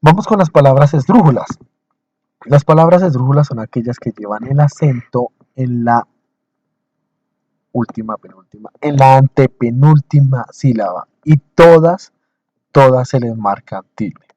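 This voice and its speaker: A male teacher talks through a recorded lesson in short phrases, pausing often and repeating himself to drive each point home. His voice sits in an ordinary middle register. The recording sounds dry and slightly dull. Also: mid-range voice, dark tone, dry recording. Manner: explains slowly in short phrases, checks in with listeners. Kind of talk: recorded lecture over slides.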